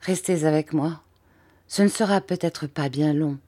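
A woman voicing a gentle, fragile young mother who speaks softly and tenderly. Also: deep voice, unhurried.

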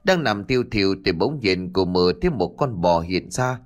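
A man narrating a story in an expressive, dramatic way. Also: sits low, normal speed.

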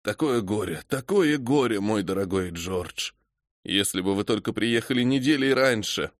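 A man voicing a feeble, fussy old father-in-law who mumbles quietly in a flustered way. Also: lowish voice, expressive, normal speed, dry recording, clean studio sound, natural voice. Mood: tearful.

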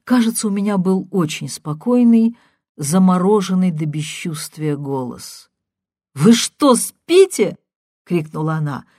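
A woman narrating a literary audiobook in the first person, measured and calm. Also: fairly low pitch, dry recording, clean studio sound.

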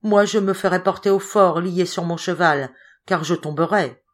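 A man's voice: sits high, moderate pace, lightly acted. A woman voicing a brutish, scheming male trapper in an audiobook, whining and gloating. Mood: self-pitying. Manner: whining, then gloating and shouting.

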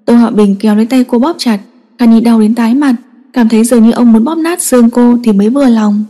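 A woman narrating a dramatic story in a steady, emotive reading. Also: fairly high pitch, fast. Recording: long echoing reverb.

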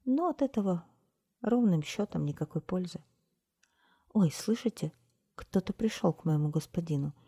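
A woman voicing a timid female widow mouse, squeaky and fretful. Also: lively intonation, normal speed, long pauses, warm tone, breathy edge. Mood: indifferent.

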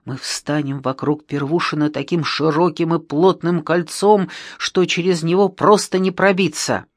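An eager, excited schoolboy who pitches wild plans in a rush, as an audiobook reader puts him on. His voice sits at a middling pitch, recorded close and dry with no room sound. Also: no echo, close to an everyday voice. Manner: eager, rapid, proclaiming. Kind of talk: audiobook reading.

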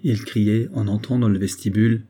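A soft-hearted carpenter's wife in an old-fashioned storybook, tearful and pleading, her voice rising whenever her grief breaks through, as a male narrator puts her on. The timbre stays husky and dark. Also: on the low side, steady tone, brisk, natural voice. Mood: sorrowful. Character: tender, tearful carpenter's wife, middle-aged servant woman.

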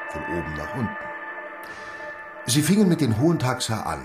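In a German radio drama, a man with a low voice plays a learned, patient, pedantic teacher. He lectures with deliberate, professorial emphasis.

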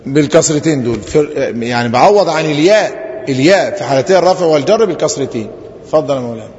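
A man with an Egyptian Arabic accent teaches a grammar lesson, repeatedly asking the class questions, answering them himself, and drawing out example phrases slowly. His voice is on the high side, expressive and darkish, in a roomy, lo-fi hall recording.

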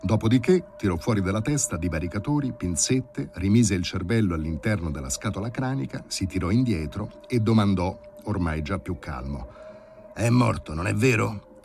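A man reading a novel aloud in a measured, vivid storytelling manner. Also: low-pitched, animated, a little mellow, a little hiss or hum. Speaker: audiobook reader. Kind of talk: dramatic literary reading.

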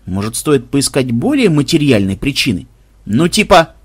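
A man reading an audiobook and voicing a gruff, grumbling man who commands a squad. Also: mid-range voice, very animated, normal speed.

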